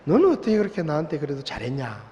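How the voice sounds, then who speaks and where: A man preaching, voicing the blunt young army senior who once bullied him, speaking in a high voice in a reverberant hall. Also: big pitch swings, fast talker, dark tone, lo-fi sound. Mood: sheepish.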